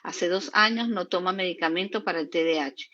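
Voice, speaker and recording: A woman co-host reading a viewer's question aloud in a measured way, with fillers and a slip over a name. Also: fairly low pitch, fairly bright tone. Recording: dull lo-fi audio.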